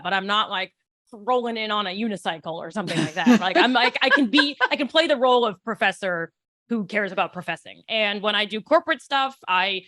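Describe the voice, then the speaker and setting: A woman hosting a podcast in casual conversation, chatty and wry, quick to agree and riff along. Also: mid-range voice, bright, forceful tone, no echo. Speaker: podcast host.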